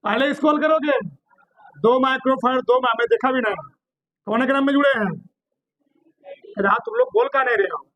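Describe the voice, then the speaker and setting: A man a very high voice teaches physics in a classroom. He keeps asking his students questions and gently scolds them as he works. The sound is dry and close, no room echo. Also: moderate pace, long pauses. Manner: drills students with repeated questions, scolds lightly. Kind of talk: classroom lesson solving problems on a board.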